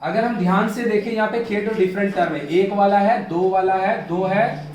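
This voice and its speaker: A man's voice: high-pitched, moderate pace, darkish tone, recorded from a distance, slight background noise. A man teaching a math lesson in a classroom, coaxing students with repeated questions. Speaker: math tutor. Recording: echoey room, voice from off mic.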